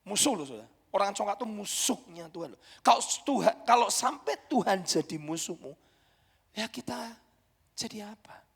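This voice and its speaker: A man with an Indonesian accent preaching a sermon, emphatic and dramatic, with sudden loud peaks. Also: high voice, animated, moderate pace, creaky, breathy edge. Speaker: pastor. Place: church hall. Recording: reverberant church hall.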